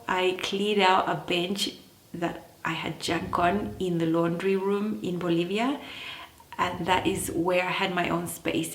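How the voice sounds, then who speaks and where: A woman's voice: lowish voice, slight background noise. A woman from Chile, a sewing vlogger chatting casually to camera and laughing often between points. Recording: echoey room.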